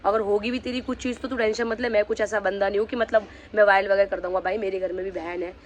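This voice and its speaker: A man's voice: high voice, fairly even intonation, fast, a little hiss or hum. A man vlogging, angrily confronting someone directly and threatening to reveal the truth about them. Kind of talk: angry vlog rant.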